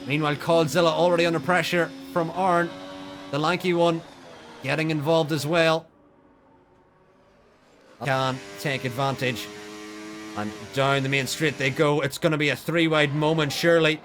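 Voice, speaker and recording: High-voiced excitable male motorsport commentator. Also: moderate pace, pauses often, slight background noise. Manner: excitable, builds to shouting during incidents. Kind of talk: live racing commentary for an online sim league.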